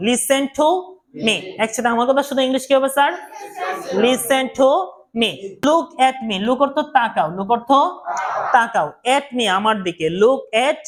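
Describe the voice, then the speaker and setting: Lady teacher, kinda high voice, says each phrase slow then repeats it. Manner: drills phrases slowly and repeats them. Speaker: English teacher. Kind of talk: classroom language lesson.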